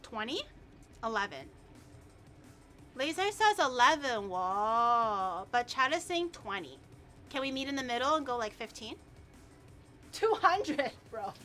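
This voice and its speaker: High-voiced woman chatting playfully on a stream. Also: pushed and bright. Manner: playful, teasing, swears casually. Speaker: live stream host. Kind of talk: casual chat while cooking on a live stream.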